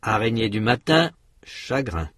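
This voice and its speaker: Slow, expressive man reading drill phrases. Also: on the low side, dry recording, clean studio sound. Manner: slow, deliberate delivery of isolated phrases. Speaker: model speaker for pronunciation drills. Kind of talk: recorded language-lesson example sentences.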